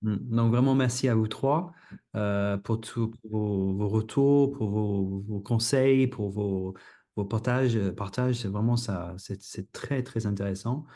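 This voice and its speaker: Mellow, halting male podcast host. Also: on the low side. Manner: halting, often repeats phrase starts. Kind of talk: casual conversational hosting.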